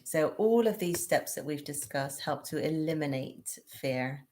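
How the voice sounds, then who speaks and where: A woman with a Bristol accent co-hosting a relaxed teaching talk on relationships, gentle and matter-of-fact. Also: sits low, measured pace, slight background noise. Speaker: co-host. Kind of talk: casual teaching chat.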